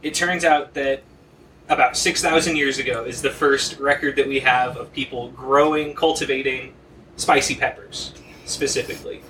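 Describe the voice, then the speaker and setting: A man's voice: medium pitch, fairly even intonation, normal speed, pushed and bright. A man hosting a casual podcast chat, explaining things with fillers and easy laughs. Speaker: podcast host. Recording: distant mic with faint noise.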